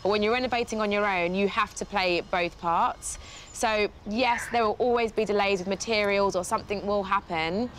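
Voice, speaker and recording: A woman with a British accent co-hosting a renovation show, advising a homeowner in a brisk, encouraging way. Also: mid-range voice, fairly bright tone, a little hiss or hum. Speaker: property show co-host.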